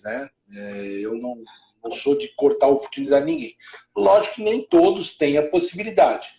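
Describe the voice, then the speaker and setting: Homem narrando a própria trajetória, fala truncada, chamada de vídeo com eco. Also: male voice, on the high side, warm tone, roomy sound, low-quality recording. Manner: rambling, with many restarts and fillers. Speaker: professional building manager, interview guest. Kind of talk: casual interview storytelling. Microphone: video call.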